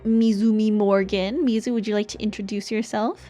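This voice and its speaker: A woman's voice: mid-range voice, steady tone, brisk, mellow. A woman streamer chatting casually on a livestream in a cute, bubbly anime-streamer manner. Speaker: streamer, variety VTuber hosting a voice-acting stream. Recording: music behind the voice. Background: music.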